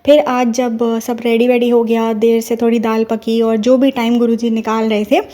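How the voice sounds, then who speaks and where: A woman's voice: fairly high pitch, level tone, moderate pace, mellow. A young woman telling a personal devotional story in an earnest, casual storytelling way. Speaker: devotee sharing a personal experience. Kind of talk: casual spoken testimony.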